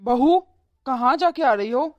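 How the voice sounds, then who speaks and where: A woman's voice: sits high, animated, unhurried, darkish tone, muffled recording. A woman voicing a stern, lecturing elderly father-in-law in a cartoon. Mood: scolding. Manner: scolding, lecturing. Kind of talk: cartoon voice acting.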